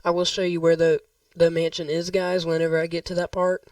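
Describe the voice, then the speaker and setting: A man's voice: a little high, completely flat delivery, a little fast, no room sound, distant mic. Rambling man walking through a game build. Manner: rambling, self-correcting, addresses viewers as guys. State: slightly losing his voice. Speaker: gaming tutorial host. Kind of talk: casual gameplay walkthrough.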